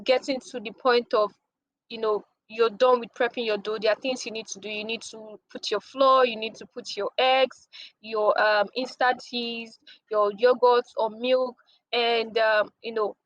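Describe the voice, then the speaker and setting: A woman with a fairly high voice walks through a lesson in a relaxed, conversational way. She pauses often with small fillers and restarts. The sound is close and dry, with no room around it. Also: dry recording, low-quality recording. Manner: relaxed, with many ums and restarts, everyday examples. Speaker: project management instructor. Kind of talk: explanatory lesson with slides.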